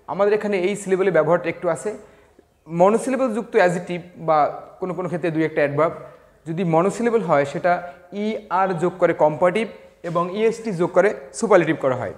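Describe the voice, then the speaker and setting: A man teaching a grammar lesson to students, speaking slowly and deliberately, spelling words out letter by letter and pausing with hesitations. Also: high voice. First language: Bengali. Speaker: English teacher.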